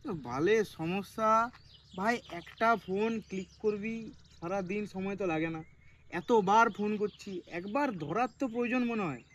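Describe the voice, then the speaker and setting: A man plays a young man with a Bengali accent whose voice sits high and strained. He was cheated out of money paid for a job and now presses his friend with urgent, bitter demands. The film sound is natural and outdoorsy. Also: moderate pace, slight background noise, lightly acted. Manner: urgent, pleading on the phone, then bitter and confrontational. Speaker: actor in a short film. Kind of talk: naturalistic short film acting.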